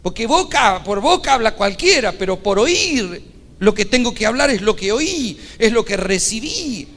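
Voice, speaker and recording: A pastor preaches in an emphatic, repetitive style, driving his points home. His man's voice sits high for a man. It rings out with a long hall reverb, as in a church. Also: big pitch swings, normal speed, a bit bright. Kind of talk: sermon.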